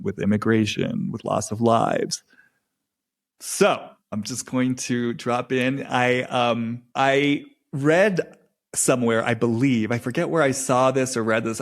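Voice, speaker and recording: Halting, reflective man hosting a podcast. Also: medium pitch, creaky. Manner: halting, slow, many restarts. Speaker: podcast host. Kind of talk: reflective solo monologue.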